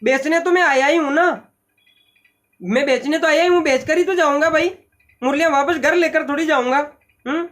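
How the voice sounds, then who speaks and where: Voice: high voice, a little fast, long pauses, fairly bright tone, voice pushed up. A cheerful street vendor selling flutes, put on by a teacher mid-lesson. He keeps repeating himself patiently and coaxingly, promising every child a turn. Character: cheerful male flute seller soothing a crowd of kids.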